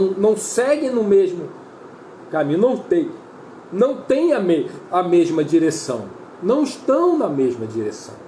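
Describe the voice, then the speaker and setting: Brazilian guy preaching, high voice but mellow, keeps saying brother, roomy echo. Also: a little hiss or hum. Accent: Brazilian Portuguese. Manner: earnest, repetitive, often addresses listeners as brother. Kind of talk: sermon. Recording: roomy echo with faint ambience.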